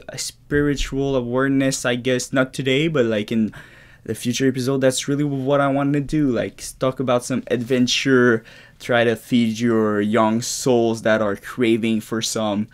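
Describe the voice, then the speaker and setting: A mid-range, slightly mellow voice belongs to this French-speaking Quebecer in his early twenties, whose Québécois accent colors his English. Alone in his shared-apartment bedroom, he hosts his own podcast, rambling off the cuff with restarts and swearing.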